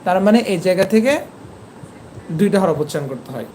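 A Quran teacher giving an online lesson, patiently explaining where each letter is pronounced and repeating the sounds slowly, over a video call. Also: mid-range voice, lively intonation, a little mellow, a little hiss or hum.

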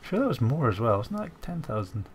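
Fast and very animated, a medium-pitched man with a stuffy cold hosts strategy game commentary on his gaming channel, with slight background noise. He thinks aloud as he plays, peppering his speech with fillers while keyboard typing sounds behind him.

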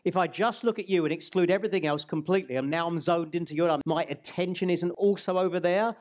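Brief: male trainer in his forties, stage seminar, slightly higher voice, headset mic, slows on key words. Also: darkish tone. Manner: guides the audience through an exercise, slowing on key words. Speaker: speaker and trainer. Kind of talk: live stage seminar talk. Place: large hall stage.

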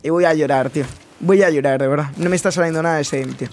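A man's voice: fairly high pitch, racing, a little mellow, a little hiss or hum. A young man, giving casual, slangy gameplay commentary full of swearing and addressing his viewers directly. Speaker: gaming streamer.

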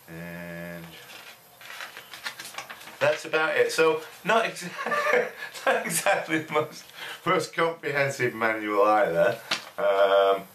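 The recording is roomy and distant, with a faint hiss, as a middle-aged man casually reviews a product from a small room with a desk and computer. His voice is fairly low and fairly bright, and he rambles along using many fillers.

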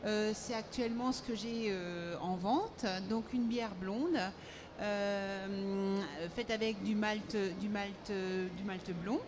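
A woman's voice: mid-range voice, fairly even intonation, slow pace. A middle-aged woman, founder of a brewery, explaining her ingredients at a trade fair stand in a hesitant way, speaking into a handheld mic. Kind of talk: casual interview at a trade fair. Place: trade fair stage, indoors. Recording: fair noise clearly audible.

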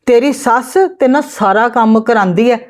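Fed-up overworked daughter-in-law, lecturing and indignant, fairly high voice, played by a woman for a family skit. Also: normal speed, natural voice. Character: overworked, fed-up young wife arguing with her in-laws.

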